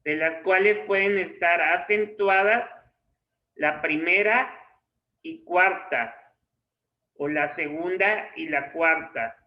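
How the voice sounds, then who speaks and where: A male literature teacher dictates a lesson at a very slow pace, in short measured phrases. His voice sits high for a man. The sound is dull and lo-fi, in an echoey room.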